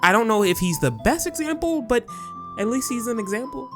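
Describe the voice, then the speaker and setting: A man's voice: extremely high pitch, sing-song, a little fast, over music. A man hosting a casual video essay, talking in a chatty, jokey, self-aware way.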